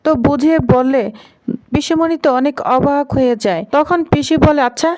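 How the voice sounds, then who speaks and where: A woman narrating a recap of a TV serial in a steady storytelling manner. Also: high voice, normal speed, no room sound.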